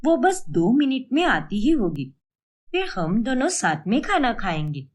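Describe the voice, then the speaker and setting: A woman's voice: fairly high pitch, very animated, a little slow. A woman as a kind young daughter-in-law. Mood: earnest. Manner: earnest, gently protesting. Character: kind young elder daughter-in-law, loyal and warm-hearted. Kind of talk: cartoon story voice acting.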